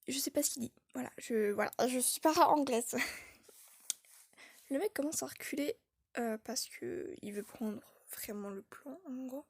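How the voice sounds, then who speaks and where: Woman, high voice, breathy whisper, casual creepy storytelling, self-mocking, dry close sound. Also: darkish tone, no echo. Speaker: youtuber.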